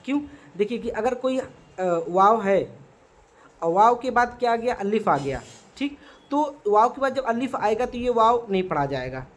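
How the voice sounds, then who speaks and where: A man's voice: very high-pitched, expressive, normal speed. A male teacher going through exam multiple-choice grammar questions, asking questions and answering them himself, checking in with the class often. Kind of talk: exam prep grammar lesson.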